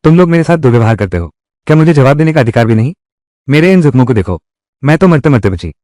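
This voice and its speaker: A man's voice: mid-range voice, sing-song, fast, dark tone, no echo, clean studio sound, natural voice. A man voicing a fierce young village wife who fights back against her in-laws, with a defiant, mocking manner in dubbed drama dialogue. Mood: aggrieved.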